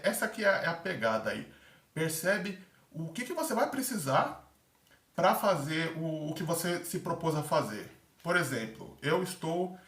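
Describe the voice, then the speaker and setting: A man giving casual, chatty tips about a theater aptitude test, acting out little examples as he goes. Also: a little high. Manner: chatty, full of fillers, acts out examples. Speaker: former theater-course candidate giving tips. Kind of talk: casual advice vlog. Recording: echoey room, mic at a distance.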